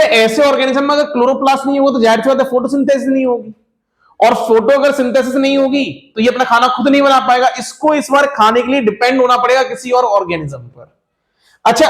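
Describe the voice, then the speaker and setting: Lecturing in an extremely high pitch, a man teaches a class he addresses as children, mixing English terms into what he says. Rhetorical questions come up again and again, and he repeats the important points.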